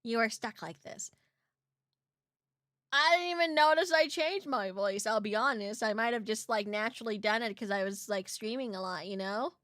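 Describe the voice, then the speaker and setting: Cute, bright, high-voiced anime-style woman streamer. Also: moderate pace, no echo, studio quality. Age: 30s. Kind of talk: casual livestream chat.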